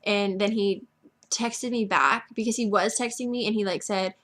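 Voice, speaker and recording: A teenage girl tells a long story to a friend in a loose, rambling way. She keeps repeating "like" and slips into quoting what people said. Her voice sits in an ordinary middle pitch. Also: steady tone, normal speed, fairly bright tone. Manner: chatty, constant "like" filler. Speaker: vlogger.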